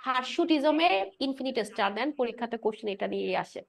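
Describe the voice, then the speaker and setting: A high-pitched woman lecturer races through a pharmacology class. She keeps asking the room questions, then answers them herself and repeats each point with a quick "right?". English drug and anatomy terms run all through her talk. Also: expressive, vocal fry. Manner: mixes English medical terms into her speech. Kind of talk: explanatory lecture with quiz questions.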